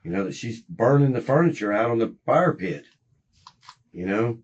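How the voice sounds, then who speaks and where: Caught on a muffled interrogation room recording, this middle-aged suspect recounts events in an agitated, rambling, profane way. His mid-range voice is expressive and husky with a darkish tone, moving at normal speed.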